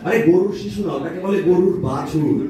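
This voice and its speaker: Male puppeteer straight man, quick delivery, scolding and explanatory, heard from afar with heavy echo. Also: sits high, a crowd in the background. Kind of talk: comic stage dialogue with a puppet. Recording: very echoey hall, distant mic, audience.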